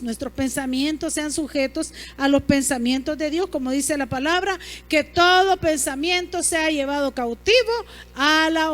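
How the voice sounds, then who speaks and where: A woman pastor, preaching a sermon emphatically and asking the congregation rhetorical questions. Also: high-pitched.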